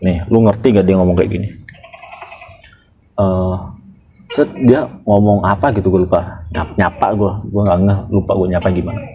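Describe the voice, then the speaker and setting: A man's voice: deep voice, moderate pace. Slangy man telling stories. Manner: animated storyteller, blunt slang and swearing. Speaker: security guard telling stories. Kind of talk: casual podcast chat. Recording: dull lo-fi recording.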